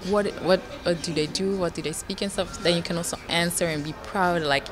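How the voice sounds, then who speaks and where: Seated on a lounge sofa indoors, this young adult pageant contestant from Belgium fields interview questions, stumbling a little and leaning on fillers. She talks fairly quickly in a lowish voice with fairly even intonation, over background music.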